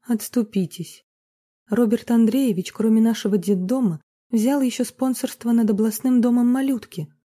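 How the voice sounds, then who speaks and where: A sympathetic middle-aged woman who runs an orphanage, weary and tactful, as a female narrator voices her. Her voice is mellow and slightly husky, and she speaks like a figure in an audiobook. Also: a little high, normal speed, voice pushed up, natural voice.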